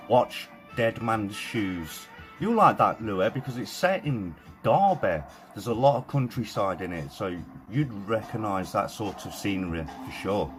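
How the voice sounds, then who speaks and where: Brief: British man, live-stream host, chatty and excitable, casual swearing, faint music behind. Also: on the low side.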